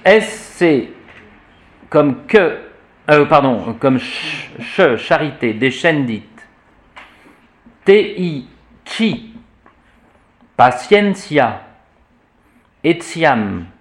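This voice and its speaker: A male teacher leads a pronunciation lesson, speaking slowly with a slightly raised pitch. He spells out letters one by one and repeats each example word, pausing on fillers as he thinks. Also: sing-song. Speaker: teacher of church Latin pronunciation. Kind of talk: classroom lesson.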